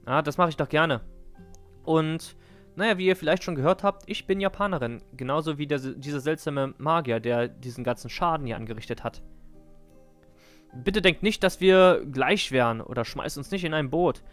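A man voicing a calm young female teacher, reading the game dialogue in a raised voice with small slips. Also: a little high, moderate pace, faint music behind, close to an everyday voice. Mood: earnest. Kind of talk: live-read game dialogue.

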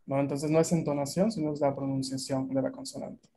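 A man's voice: mid-range voice, little pitch movement, a little fast, mellow, slight background noise. A Latin American man teaching a beginner language class over a video call, explaining at length and often checking that students follow.

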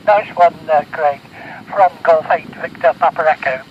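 A man's voice: on the high side, moderate pace. Older male radio amateur, hesitant and full of ums, heard over a muffled, faintly hissing radio link. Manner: hesitant, many ums and uhs, chuckling. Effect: heard over a fading radio link. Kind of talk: ham radio contact chat.

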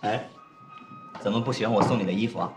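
A man's voice: fairly low pitch, fast talker, over loud music, lightly acted. An actor playing an indulgent middle-aged man in a TV drama, chuckling often as he talks. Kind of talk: TV drama acting.

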